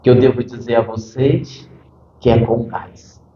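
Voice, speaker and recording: A man, a medium, speaking as a spirit doctor in a channeled interview, measured and given to dry humor. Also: mid-range voice, little pitch movement, mellow, echoey room, lo-fi sound, slight background noise.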